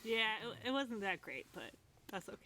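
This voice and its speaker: A woman's voice: mid-range voice, very animated, fairly quick, sharp tone, a little hiss or hum. A woman chatting casually as a cooking guest, giggling and hedging with "like" and "I guess". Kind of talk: casual chat.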